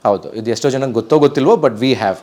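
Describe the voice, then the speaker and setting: A man from Karnataka speaks as a guest DJ in a sit-down interview. His pitch sits at an ordinary middle level. He talks earnestly and stresses his points. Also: quick pace, a little mellow. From Karnataka, India. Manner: earnest, emphatic, repeats pleas. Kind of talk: casual interview talk.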